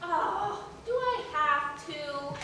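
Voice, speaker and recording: A reluctant female contestant acted by a woman speaks very slowly and hesitantly in a high voice. The stage comedy echoes, picked up from far off with clear noise. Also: lively intonation, heavily acted. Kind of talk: live stage comedy acting. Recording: echoey theater from far off, noisy.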